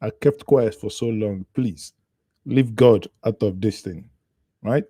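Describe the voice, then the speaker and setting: A man hosting online commentary, reacting to a clip with sarcastic, mocking asides. His voice is dark and mellow, and the recording is close and dry with no room sound. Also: fairly low pitch, takes it slowly, husky, no room sound.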